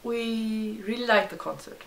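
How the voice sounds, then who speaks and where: A woman's voice: on the high side, crowd noise. A young woman, agreeing and gushing as a vlog co-host about a concert. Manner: agreeable, gushing, many quick yeses. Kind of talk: casual chat reviewing a concert. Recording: roomy, distant mic, faint noise.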